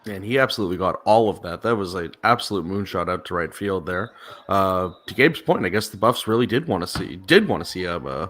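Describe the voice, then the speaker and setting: A man's voice: low-pitched, animated, brisk, a bit bright. A man chatting casually as a co-commentator on a live baseball stream.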